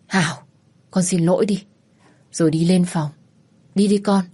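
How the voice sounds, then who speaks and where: A woman's voice: lowish voice, fairly even intonation, unhurried, mellow, husky. A woman voicing a worried older mother-in-law who begs everyone to stop fighting. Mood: pleading. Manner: pleading, urging.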